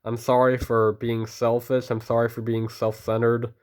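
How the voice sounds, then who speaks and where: A man's voice: medium pitch, monotone, moderate pace, smooth. A teenage boy vlogging alone in a casual monologue, earnest and rambling as he thanks people and apologizes. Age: teens. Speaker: student vlogger.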